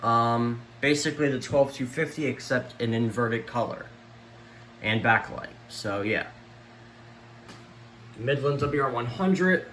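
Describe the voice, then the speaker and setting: Giving an off-the-cuff show-and-tell among the many radios in his home, this collector speaks in a mid-range voice, halting and trailing off as he goes. A weather radio broadcast plays, and the recording carries a roomy ambience with clear background noise.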